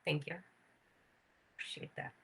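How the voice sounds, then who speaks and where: A woman co-hosting a podcast in casual chat, teasing her partner with quick retorts and frequent laughs. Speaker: podcast co-host.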